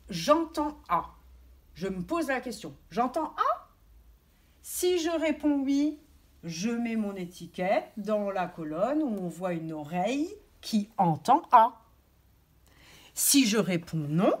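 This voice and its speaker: A woman teaching a recorded lesson to young children, stressing words slowly and clearly. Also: medium pitch. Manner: slow, sing-song word stress for children; clear instructive tone, addressing children and parents. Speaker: kindergarten teacher.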